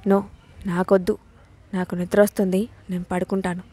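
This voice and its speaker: A woman voicing a quick-tempered, childlike young bride in a storybook reading. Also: mid-range voice, level tone, mellow, slightly rough, faint music behind, close to an everyday voice. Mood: fiery, petulant.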